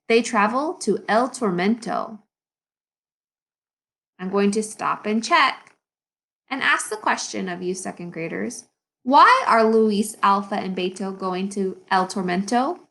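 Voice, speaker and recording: Here a woman in the role of an elementary school teacher reads a picture book to children, her mid-range voice carrying some vocal fry. She reads expressively and instructively, pausing now and then to explain and pose questions.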